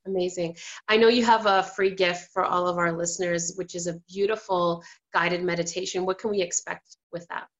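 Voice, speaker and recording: A woman's voice: on the low side, fairly even intonation, moderate pace. Effusive woman host, lo-fi audio. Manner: warm, effusive praise. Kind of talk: online interview hosting. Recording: dull lo-fi sound.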